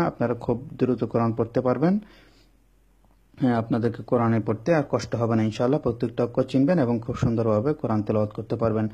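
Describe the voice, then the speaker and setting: A man teaching Quran reading, spelling each word letter by letter and then saying it whole in a slow, repetitive drill. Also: medium pitch, mellow, slightly rough. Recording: dull lo-fi sound.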